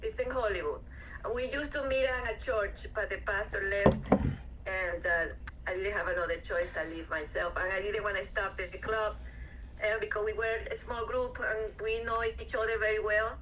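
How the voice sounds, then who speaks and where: A woman from Venezuela chatting on a video call, talkative and quick to laugh. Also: medium pitch, steady tone, fairly bright tone, a little hiss or hum. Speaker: club founder. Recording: distant dull video call audio.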